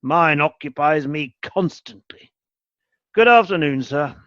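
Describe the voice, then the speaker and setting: A man's voice: fairly high pitch, lively intonation, unhurried, fairly bright tone, dry recording, highs cut off. A man playing a cold, grumpy elderly miser in a radio play, curt and scornful, barking orders. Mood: cold, dismissive.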